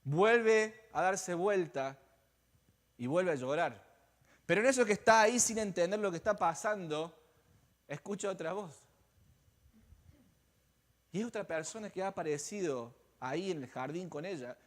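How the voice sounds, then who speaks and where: A man pastor delivering an Easter sermon as dramatic storytelling, swinging between loud passages and hushed ones. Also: high-pitched, lively intonation, a little slow, pauses often. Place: church sanctuary. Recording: long church-hall reverb.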